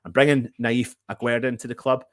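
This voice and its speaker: A man's voice: mid-range voice, flat delivery, brisk, dry recording, studio quality. A man hosts a football fan live show, chatting casually and chummily with viewers and commenting on club news. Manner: chummy, greets viewers as mate.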